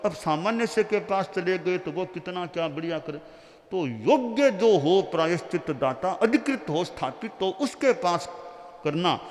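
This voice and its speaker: Slow-speaking man preaching in echoing hall. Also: high-pitched, lively intonation. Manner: slow, deliberate teaching with acted quotes. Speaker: Jain monk preacher. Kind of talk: sermon. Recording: long hall reverb.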